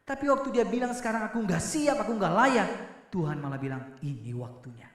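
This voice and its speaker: A male pastor preaching a sermon in a church, animated and addressing the congregation directly. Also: sits high, a little fast. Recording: echoey church hall.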